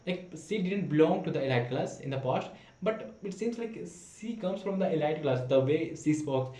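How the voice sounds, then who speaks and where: A young Indian man practicing spoken English vlogs to camera in an unscripted monologue, his first language not being English. His fairly high, expressive voice has a dark tone and a moderate pace, and he hesitates often with many fillers and restarts. It's recorded on a camera mic in an echoey room.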